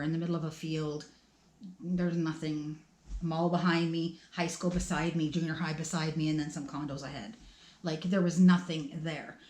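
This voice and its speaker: A middle-aged woman telling a personal story in a casual vlog, animated, laughing between lines and acting out her own thoughts. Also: fairly low pitch. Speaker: storytime vlogger. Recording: roomy echo.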